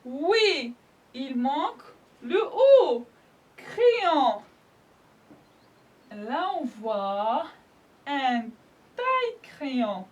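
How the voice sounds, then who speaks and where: A woman teacher with an Algerian accent leads a French lesson for small children. Her voice sits very high and moves up and down expressively. She spells out each letter patiently and praises the class often. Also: sing-song, extremely slow, pauses often, highs cut off. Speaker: primary school French teacher. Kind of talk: slow, clear spelling lesson for young children.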